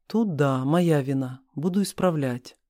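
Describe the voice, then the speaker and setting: A stubborn, devoted young husband who keeps calm, as a man reading the story plays him. The voice is mellow and fairly high, close and dry. He keeps his lines low-key and even. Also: measured pace, no echo, natural voice.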